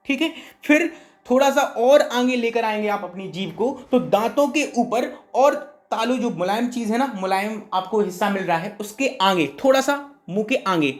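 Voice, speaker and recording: A male teacher giving an exam-prep grammar lesson. He keeps asking if students are following and repeats sounds slowly for them to copy. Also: sits high.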